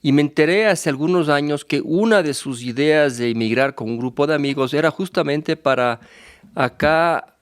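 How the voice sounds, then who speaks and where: A man's voice: fairly high pitch, moderate pace, clear, resonant tone, no echo. Guest author, man, dry close sound, easygoing and talkative. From Ecuador. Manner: relaxed and rambling, with restarts and asides. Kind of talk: conversational interview answers.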